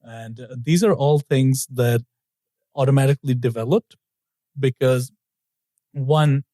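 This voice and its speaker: A man co-hosting a casual podcast, chatty and easygoing, with frequent little laughs. His voice is mellow and dark-toned. The sound is dry and close, with no room in it. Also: medium pitch, measured pace, no room sound. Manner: laughs often, relaxed and chatty. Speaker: podcast co-host.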